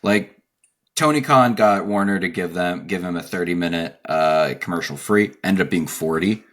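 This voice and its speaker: A man's voice: low-pitched, normal speed, fairly bright tone. A man co-hosting a podcast, talking casually, laughing often and working through his notes. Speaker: podcast co-host.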